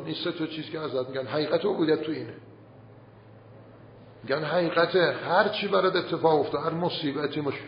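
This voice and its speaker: Gravelly man preaching in a roomy hall. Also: on the high side. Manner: conversational preaching, rhetorical questions, shifting loudness. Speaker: cleric giving a religious talk. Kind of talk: sermon. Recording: roomy, slightly dull recording with faint noise.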